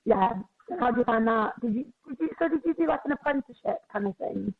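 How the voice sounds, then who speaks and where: A twenty-one-year-old woman, a personal trainer, talking in casual podcast chat, chatty and quick with lots of filler words. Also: a little high, expressive. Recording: tinny phone-like sound.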